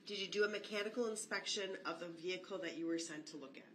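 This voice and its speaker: A woman's voice: fairly low pitch, quick pace, fairly bright tone. A woman prosecutor questioning a witness formally and methodically. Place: courtroom. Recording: echoey courtroom, distant mic, faint noise.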